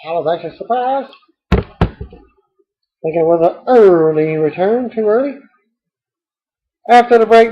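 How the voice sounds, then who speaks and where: A man with a high voice reads through a wrestling show recap in a plain way, now and then adding a dry aside. His tone is dark and mellow despite the pitch. The recording sounds dull and lo-fi. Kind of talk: read-aloud show recap.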